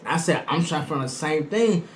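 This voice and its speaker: Casual male storyteller, high and quick, animated retelling, echoey room with faint noise. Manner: animated retelling, repeats phrases. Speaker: vlogger telling a story. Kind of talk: casual storytime chat, quoting past conversations. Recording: roomy echo, faint background noise.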